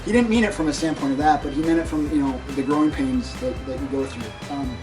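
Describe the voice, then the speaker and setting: Emotional man speaking off the cuff, music behind. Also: mid-range voice. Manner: emotional, halting, many ums. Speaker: surgical resident giving a graduation tribute. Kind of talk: unscripted speech at a ceremony. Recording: voice a bit distant, music behind.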